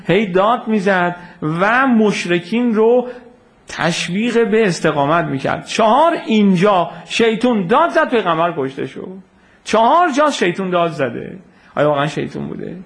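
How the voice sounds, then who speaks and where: A man giving an informal lecture on religious history, telling the story lively and answering questions from his listeners. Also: high-pitched. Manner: animated storytelling, acts out quoted voices, takes audience questions.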